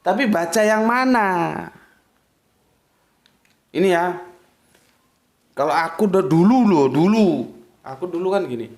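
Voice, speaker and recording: A man's voice: high voice, expressive, a little slow, pauses often. A man giving an informal religious lecture, casual and direct, often checking that his listeners follow. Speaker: religious teacher. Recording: echoey room.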